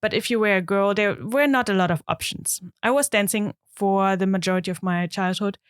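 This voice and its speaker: Woman, German accent, podcast co-host, smooth clear voice, dry close recording. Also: mid-range voice, brisk, dry recording. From eastern Germany. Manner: friendly, frequent agreeing interjections. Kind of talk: casual chat. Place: dry studio.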